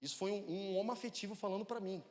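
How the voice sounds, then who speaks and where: A man's voice: high-pitched, fast, long reverb tail. A man preaching a sermon in a church, telling a family story in a conversational way and checking in with the congregation.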